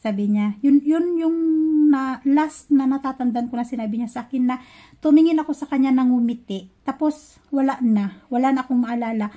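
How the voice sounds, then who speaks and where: A woman vlogger telling a personal story in a chatty, casual way, often pausing to search for words. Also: sits high, mellow.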